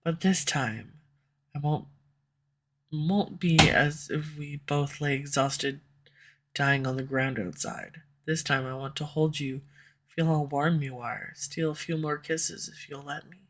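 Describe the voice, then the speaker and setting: Recorded at home on a USB condenser microphone, this audio roleplay has a woman voicing a flustered tsundere villainess in love with the listener. She starts defensive and turns tender, speaking a little slowly in a low-pitched voice.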